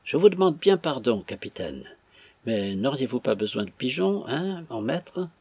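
A man's voice: medium pitch, sing-song, a little slow, darkish tone, slightly rough, dry recording, full character voice. A man doing a whiny young servant. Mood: wheedling. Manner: whining, tearful protest. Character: whiny young male servant, touchy, self-pitying.

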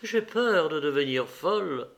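A male reader voicing a young woman in love, tender and rapturous, in a slowly read audiobook. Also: fairly high pitch, lively intonation, creaky, fairly bright tone, exaggerated voice. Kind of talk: audiobook character reading.

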